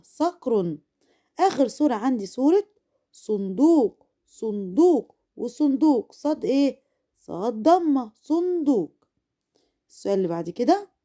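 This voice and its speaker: Egyptian woman, primary school teacher; warm, mellow, animated delivery, slowly drawn-out model words, encouraging. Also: sits high. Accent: Egyptian Arabic. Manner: stretches each modeled word slowly, then repeats it; encouraging, addresses pupils directly. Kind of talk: recorded first-grade reading lesson.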